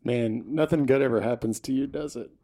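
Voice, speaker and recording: A man's voice: medium pitch, fairly quick, warm tone. A middle-aged man co-hosting a family podcast, teasing his kids in a playful way. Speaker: podcast co-host and father. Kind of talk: casual family podcast chat.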